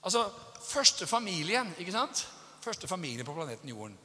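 An animated male preacher with a bright, forceful voice, delivering a sermon and acting out stories with voices and bursts of laughter. His voice sits a little high for a man and rings with a long reverb. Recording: echoey hall.

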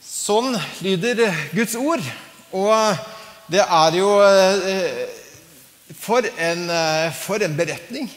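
Man preaching, high-pitched, chatty with fillers and chuckles, long hall reverb. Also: animated. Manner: conversational, chuckling, many fillers. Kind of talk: sermon.

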